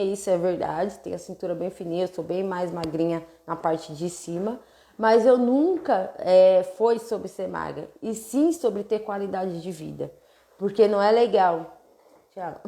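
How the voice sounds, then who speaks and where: A woman's voice: medium pitch, dark tone, reverberant. A woman with a Brazilian Portuguese accent, a weight-loss coach talking casually on a live stream, earnest and checking in with listeners. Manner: earnest, keeps checking in with "entendeu?".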